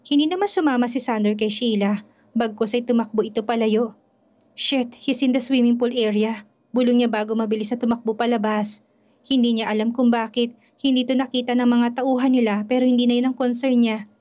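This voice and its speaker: A woman narrating a romance story in a steady storytelling voice. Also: on the high side, fast.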